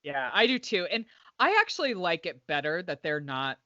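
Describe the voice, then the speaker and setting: A woman's voice: fairly low pitch, big pitch swings, moderate pace, bright, forceful tone, dry recording. A woman co-hosting a podcast in casual chat, talking with enthusiasm and plenty of filler words. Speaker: podcast co-host. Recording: dry, slightly dull sound.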